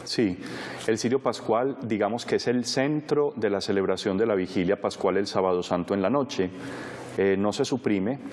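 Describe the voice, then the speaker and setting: A Colombian man, a priest, explaining things in a halting way as an interview guest. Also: on the low side, darkish tone, in a large hall, slight background noise.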